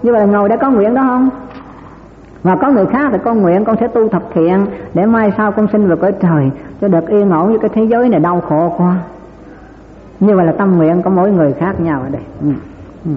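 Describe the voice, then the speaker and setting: High-voiced man giving a dharma talk. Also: fairly quick, a little hiss or hum. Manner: rhetorical questions to the audience, chuckling asides. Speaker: Buddhist teacher. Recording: echoey hall over tinny lo-fi line.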